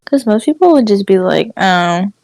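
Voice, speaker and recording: A woman's voice: mid-range voice, moderate pace, mellow, dry recording, rough recording. A young woman co-hosting a casual podcast, chatty and filler-heavy. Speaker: podcast co-host. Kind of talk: casual chat.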